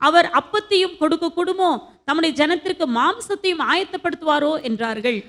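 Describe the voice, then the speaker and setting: A woman's voice: extremely high pitch, fairly quick, fairly bright tone. A woman pastor teaching a Bible study, preaching with rhetorical questions to the congregation. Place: church.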